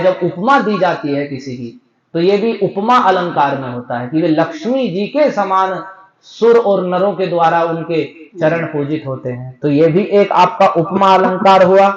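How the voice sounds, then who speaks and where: A man teaching a scripture discourse, explaining step by step and chanting verses slowly. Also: high voice. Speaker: spiritual teacher. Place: temple hall. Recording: echoey, dull lo-fi recording.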